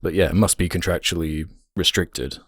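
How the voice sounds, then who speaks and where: Deep-voiced man chatting about movies. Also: normal speed, no room sound, clean studio sound. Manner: rambling, trailing off with laughs. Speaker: podcast co-host. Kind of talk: casual film review chat.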